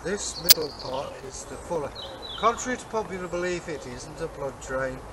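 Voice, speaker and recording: A man's voice: a little high, expressive, moderate pace. An older man, explaining things in a casual show-and-tell manner. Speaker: co-host, Viking re-enactor. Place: outdoors in a leafy garden. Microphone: camera a few metres away. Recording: outdoor noise, birds and distant traffic.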